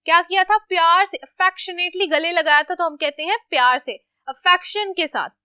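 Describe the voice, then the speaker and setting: A woman teaching English vocabulary to children, explaining each word slowly and asking questions that she answers herself, mixing English into her Urdu. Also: very high voice, sharp tone, dry recording. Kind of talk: classroom vocabulary lesson.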